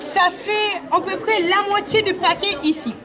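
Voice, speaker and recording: Performing card tricks for a kids' party, a magician with a very high, steady, unhurried voice gives live patter, instructing volunteers and asking them questions. It was recorded in a large hall that echoes with loud crowd noise.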